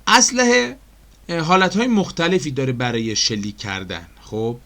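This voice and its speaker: A man's voice: mid-range voice, big pitch swings, a bit bright. A man with an Iranian Persian accent giving a chatty screen-recorded animation tutorial, explaining step by step with frequent fillers and questions to his viewers. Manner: addresses viewers as dear friends.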